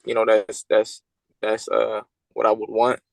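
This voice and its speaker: A man in his twenties, from Puerto Rico and raised in Pennsylvania, talking as a boxer guest over a video call in a halting way, full of fillers and repeated words. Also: fairly low pitch, monotone, creaky, no room sound, low-quality recording. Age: 20s.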